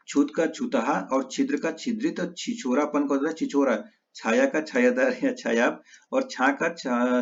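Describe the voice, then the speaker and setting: A male teacher giving an exam-prep lesson, reciting word pairs in quick lists and correcting his own slips. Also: medium pitch. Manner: rapid list recitation with self-corrections. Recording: slightly dull lo-fi audio.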